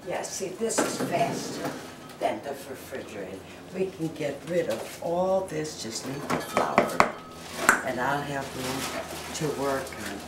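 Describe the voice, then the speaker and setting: A woman's voice: rumbling low, expressive, measured pace, very noisy. Older woman chatting in an echoey kitchen. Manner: chatty, homey, talks while working. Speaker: grandmother baking cookies. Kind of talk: casual kitchen chat. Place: home kitchen. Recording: echoey kitchen, far from the mic, loud clatter.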